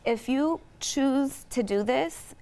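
Female chef guest, gravelly edge, friendly explainer, TV cooking segment. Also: high voice, slow, warm tone. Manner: chatty, upbeat, explains as she cooks. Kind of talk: casual cooking demo chat.

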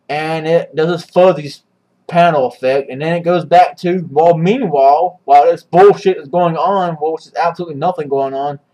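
A man's voice: on the high side, darkish tone, poor audio. Rambling, foul-mouthed man recapping a comic. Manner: rambling, swearing, many restarts. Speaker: manga reviewer. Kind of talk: casual profane recap.

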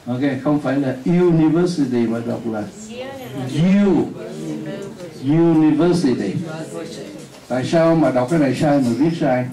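Man, Northern Vietnamese accent, pronunciation teacher drilling a class; mellow tone, distant mic in an echoey room. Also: medium pitch. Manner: drills students, repeats words slowly for them to echo. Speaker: English teacher.

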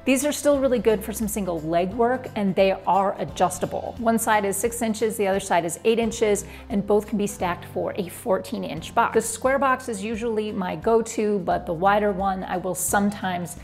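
A woman's voice: medium pitch, moderate pace, few pauses, darkish tone, soft background music. A woman in her forties giving a chatty, upbeat tour of her home gym to camera, on a lapel mic. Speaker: fitness vlogger. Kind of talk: home room tour vlog. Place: basement home gym, indoors.

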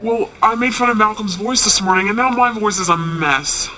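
An earnest teenage girl singer, played by a woman, worried and dismayed. Her voice is bright and a little tense at an ordinary pitch, in TV teen show style. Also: normal speed, a little hiss or hum, natural voice, rough recording. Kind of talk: TV teen drama acting.

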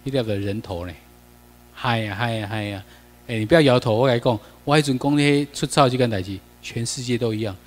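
A man's voice: medium pitch, fast, few pauses, long reverb tail. A man with a Taiwanese accent giving a classroom lecture over slides. He talks in a chatty way, mixes in Taiwanese phrases and keeps asking the class questions.

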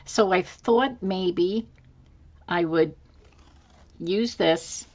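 Hosting a planner decorating channel, she narrates her crafting casually at an indoor desk, musing to herself unhurriedly with fillers. Her voice is on the low side and a little mellow, slightly hoarse as she loses it, and the recording's highs are cut off, captured by an overhead camera showing just her hands.

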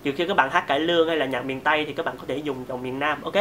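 A man's voice: fairly high pitch, steady tone, fast, a bit bright, a little hiss or hum. A man giving a casual singing lesson, chatty and joking as he talks straight to his viewers. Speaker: singing teacher.

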